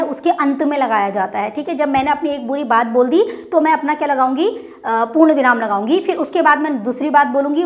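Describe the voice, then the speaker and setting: A woman with a high, light voice gives a classroom lesson, repeating each point and asking rhetorical questions before answering them herself. She slows down to dictate key words one by one, as if her students are writing them down. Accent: Uttarakhand Hindi. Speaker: teacher. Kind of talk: classroom lecture.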